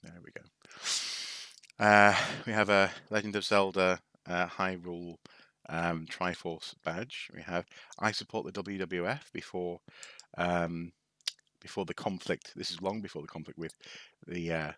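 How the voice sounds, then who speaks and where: A man's voice: deep voice, fairly even intonation, unhurried, pushed and bright, no echo. A man from North Wales chatting casually on a live stream, hesitant with lots of restarts and wry asides. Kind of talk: casual rambling show-and-tell.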